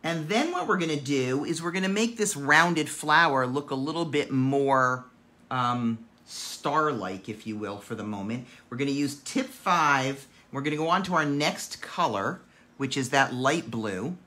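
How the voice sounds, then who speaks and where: A man with a gravelly voice, chatting and counting aloud as he demonstrates a painting craft. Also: medium pitch, animated, measured pace, sharp tone. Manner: chatty, counts dots aloud while working. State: gravelly voice today. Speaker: craft instructor.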